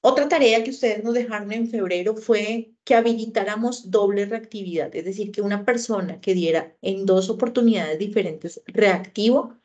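A woman's voice: mid-range voice, a little mellow, dull audio. A woman with a Colombian accent giving an online training presentation, explaining step by step and asking rhetorical questions. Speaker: presenter of a health institute system.

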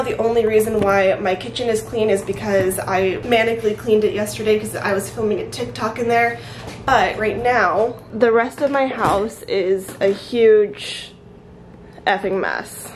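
Chatty young woman vlogging, higher voice. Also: a little hiss or hum. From Central Valley, California. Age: young adult. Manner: candid, chatty, lots of "like" fillers. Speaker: college student vlogger. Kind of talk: casual vlog chat. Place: at home.

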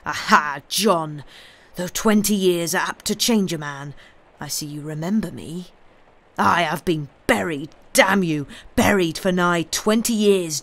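A man's voice: fairly high pitch, close to an everyday voice. A reader voicing a vengeful man back after twenty years, menacing and gloating, in a storybook reading.

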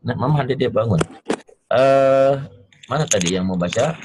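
A man teaching Quran reading in an online lesson over a video call, gentle and joking as he encourages his students. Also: mid-range voice, lively intonation, normal speed, background noise.

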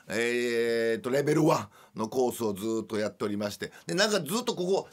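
A middle-aged man with a Kansai accent, hosting a radio show and telling a story in a chatty, animated, self-mocking way. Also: medium pitch. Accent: Kansai Japanese. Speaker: radio host. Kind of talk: casual storytelling monologue.

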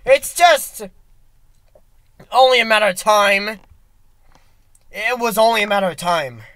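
A young man with a high voice rambles through a comic monologue in a slow, unhurried way. He trips over restarts and swings between sudden shouts and hushed asides. The sound is dry and close. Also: no echo. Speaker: comedy vlogger.

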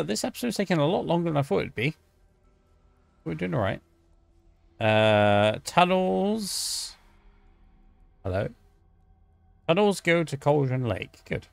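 Male streamer, unhurried jokey commentary, gravelly voice. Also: a little high, no room sound. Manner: chatty, jokey, talks to chat, yelps at scares. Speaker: game streamer. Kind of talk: gameplay commentary.

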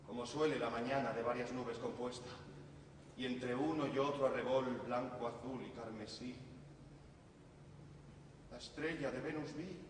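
A man's voice: mid-range voice, moderate pace, pauses often, slight background noise, lightly acted. An actor playing a young male dance master and courtly suitor, declaiming classical verse on a theatre stage. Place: open-air theatre stage. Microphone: far camera. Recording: echoey theatre stage from far off.

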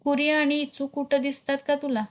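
A woman reading the part of a gentle, consoling old village man in a story. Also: sits high, level tone, normal speed, voice pushed up, close to an everyday voice.

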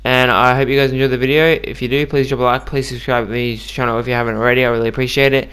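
A man's voice: medium pitch, level tone, racing, a bit bright, smooth. A man giving casual, chatty commentary on a video game he just played, with lots of ums and likes. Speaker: gaming YouTuber.

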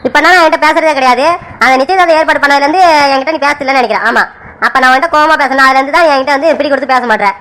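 A woman plays a stern middle-aged village father in a cartoon family serial, prodding his daughter with question after question and lecturing her about family honor. The voice sits high and bright and rushes along very quickly. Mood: coaxing. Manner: coaxing, pressing questions, lecturing.

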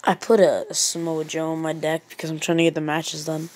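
A woman giving casual, deadpan commentary over a phone screen recording while playing a mobile card game. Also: low voice, a little fast. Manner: laid-back, deadpan sarcasm. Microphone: phone mic.

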